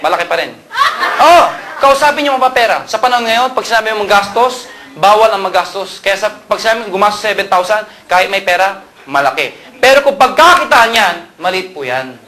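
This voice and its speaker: A man from Pangasinan giving a joking sales pitch at a marketing seminar, asking the audience questions and shouting punchlines. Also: expressive, fairly quick. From Pangasinan, Philippines. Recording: live event with loud crowd and noise.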